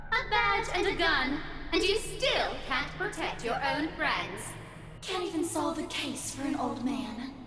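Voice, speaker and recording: Sneering monster, lively and echoing. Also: female voice, high voice, unhurried. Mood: taunting. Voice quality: cold, sneering and cruel. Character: mocking monster taunting a detective, cruel and gloating. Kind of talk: voiced game dialogue. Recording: echoey with a long hall reverb over music.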